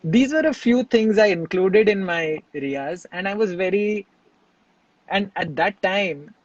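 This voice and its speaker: High-voiced man, reflective talk. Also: no echo, muffled recording. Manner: reflective, halting with frequent restarts. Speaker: singer and composer, interview guest. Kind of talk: relaxed interview conversation.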